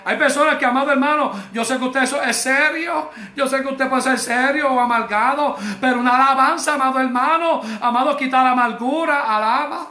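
A fervent male preacher, his voice sitting very high and ringing bright. He exhorts the congregation, keeps calling them beloved brother, and bursts into shouts. The sound carries the echo of a church room. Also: brisk, few pauses. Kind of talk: sermon.

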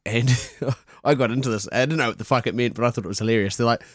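A man's voice: mid-range voice, quick pace, no room sound, clean studio sound. A man co-hosting a casual, informal chat.

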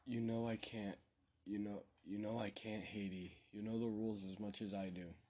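A man's voice: fairly low pitch, little pitch movement, normal speed, a little mellow, breathy edge. A man voicing a frightened five-year-old girl in a spoken horror story, talking tensely. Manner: tense, scared.

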